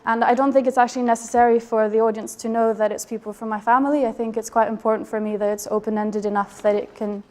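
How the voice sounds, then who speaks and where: Woman w/ a fuzzy english-french accent doing an artist talk, kinda high voice, pretty flat, lots of ums. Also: fast talker, hardly any pauses. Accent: indeterminate mix of English and French. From Geneva border area, Switzerland/France. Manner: hesitant, many ums, reflective. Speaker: photographer presenting her residency project.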